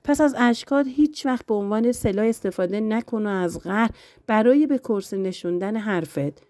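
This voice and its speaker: A woman voicing an affectionate, teasing young husband in a novel reading, gentle but firm and playful. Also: fairly high pitch, no echo, studio quality, pitched above the performer's own voice, natural voice.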